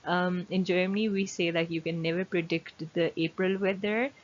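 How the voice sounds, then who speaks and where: A woman with a head cold speaks in a nasal, fairly low voice, walking viewers through a procedure one step at a time. The recording is dull and slightly lo-fi, with a faint hiss underneath. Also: normal speed. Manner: steady, step-by-step explaining. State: has a bad cold. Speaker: channel host. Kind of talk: explanatory video tutorial.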